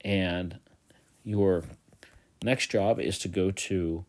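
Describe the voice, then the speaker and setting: Male teacher, low voice, casual and playful, talks students through a math review one step at a time. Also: fairly even intonation. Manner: chatty, joking asides, repeats steps slowly. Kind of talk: recorded math review lesson. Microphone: tablet voice-over of a whiteboard.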